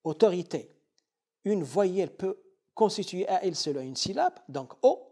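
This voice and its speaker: A man teaching as a university professor in a lecture, speaking deliberately and spelling out syllables and examples again and again. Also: high voice, animated, mellow, husky.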